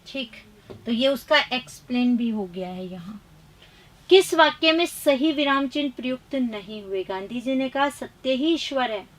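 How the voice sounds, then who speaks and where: A woman teaching a live online grammar class, briskly reading quiz questions and options aloud, then giving and explaining the answers with emphatic, chiding remarks. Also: high voice, expressive.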